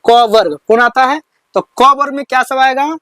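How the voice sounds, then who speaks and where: ऊँची आवाज़ वाला हिंदी शिक्षक. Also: male voice, very high-pitched, flat delivery, sharp tone, no echo. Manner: repeats questions back to students, counts slowly. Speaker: Hindi teacher. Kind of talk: slow classroom explanation.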